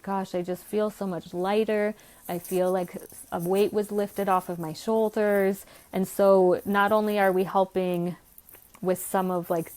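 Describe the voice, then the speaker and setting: Young woman therapist on a podcast, earnest explainer, mid-pitched voice. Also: darkish tone. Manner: explanatory, earnest, speaks from clinical experience. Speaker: pelvic floor physical therapist guest. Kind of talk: conversational podcast interview.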